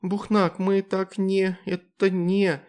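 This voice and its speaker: A man voicing a tearful four-year-old girl in a high whimpering voice. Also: measured pace, darkish tone. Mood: flustered.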